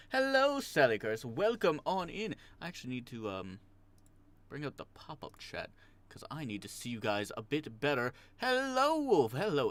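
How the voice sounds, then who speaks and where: Young guy streaming late at night, bubbly and rambly, voice bounces up and down a lot. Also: mid-range voice. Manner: bubbly, rambling, laughs often, greets chat warmly. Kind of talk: casual live stream chat.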